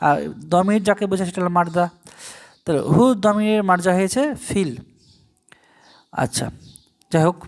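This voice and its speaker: Teacher drawing out Arabic phrases slowly. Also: mid-range voice. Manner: chants the Arabic phrases slowly, then explains in quick Bengali asides; asks rhetorical questions to the listener. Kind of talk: recorded language lesson.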